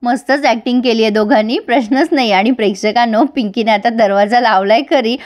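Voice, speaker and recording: A woman's voice: fairly high pitch, fairly quick. Chatty woman recapping a serial. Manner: chatty, addresses viewers directly.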